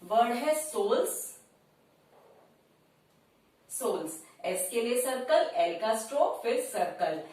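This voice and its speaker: Slow lady tutor spelling out shorthand strokes, repeats each word, sounds far off the mic. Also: fairly high pitch, expressive, a little mellow. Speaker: shorthand teacher. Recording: very echoey room, voice off-mic.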